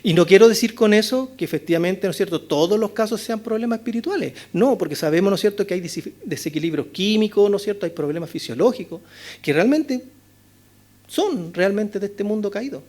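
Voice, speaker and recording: Preaching an expository sermon in a church chapel, a man with a Chilean Spanish accent uses a high, expressive voice at a slightly fast pace. He keeps asking rhetorical questions, often inserts "¿no es cierto?", and alternates between loud passages and hushed ones.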